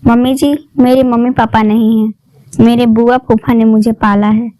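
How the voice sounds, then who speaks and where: A woman's voice: fairly high pitch, level tone, moderate pace, dark tone, no room sound, close to an everyday voice. A woman voicing a young, outspoken new daughter-in-law who talks back firmly. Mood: polite. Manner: firm, defiant.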